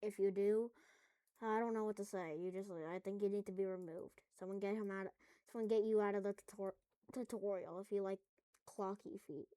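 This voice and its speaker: A woman's voice: medium pitch, fairly even intonation, fairly quick, dark tone, clear, resonant tone, dry recording. A woman at home making a casual coding tutorial, rambling through jokey asides as she works. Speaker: tutorial maker.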